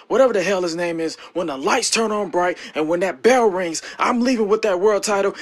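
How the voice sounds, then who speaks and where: Brief: a man doing a cocky, sneering wrestler heel, trash-talking and profane, slightly high voice. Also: fairly bright tone, husky, heavily acted. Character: arrogant foul-mouthed male wrestler cutting a promo. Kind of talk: wrestling promo role-play.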